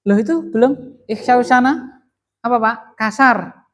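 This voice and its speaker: A man teaching Arabic grammar in a classroom, quizzing students with lively rising and falling emphasis. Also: very high-pitched, unhurried. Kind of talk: classroom lesson with call and response.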